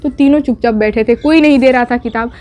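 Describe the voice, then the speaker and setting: A woman's voice: fairly high pitch, fast, a little mellow. A young woman teacher who retells a story for her students, voicing its characters' lines and adding exam tips.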